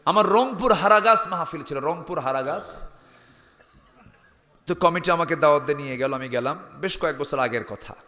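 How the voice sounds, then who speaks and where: A man preaching a lively sermon to a live crowd, joking, acting out the people he quotes and calling out for louder answers. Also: on the high side, normal speed. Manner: animated, calls out to the crowd and demands louder answers; jokes and acts out quoted people. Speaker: Islamic preacher. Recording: long reverb from a big venue.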